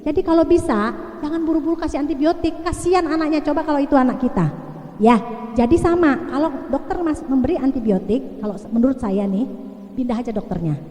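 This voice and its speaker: High-voiced woman doctor lecturing in a hall. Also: quick pace, dark tone. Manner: chatty, reassuring, frequent "ya" tags. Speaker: pediatrician giving a parenting talk. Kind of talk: casual lecture with audience Q&A. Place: large hall. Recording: echoey hall, long reverb.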